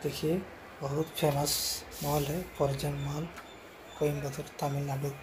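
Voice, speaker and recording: Filming on his phone, a man gives a casual walking tour outside and inside a large shopping mall, repeatedly calling his viewers friends. His voice is on the high side with little pitch movement and an unhurried pace. The background is noisy.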